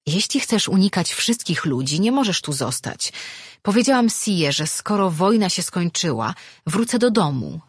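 A woman's voice: lowish voice, very animated, moderate pace, husky, no room sound. A woman voicing a wry, self-assured ancient sorceress who teases with dry humor. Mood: teasing advice. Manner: teasing, dry.

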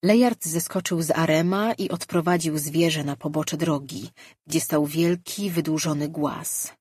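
Husky woman reading an audiobook, slow and steady, dry sound. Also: low-pitched, no echo. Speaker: audiobook narrator. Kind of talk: audiobook narration.

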